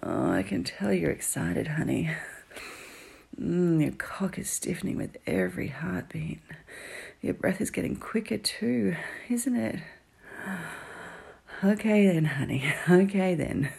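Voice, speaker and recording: A woman murmurs close and slow in a very breathy, husky whisper that often drops into a gravelly fry. Her delivery is soft and teasing, with long drawn-out hums between phrases. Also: on the low side, animated. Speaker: audio roleplay performer. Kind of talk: intimate whispered roleplay audio.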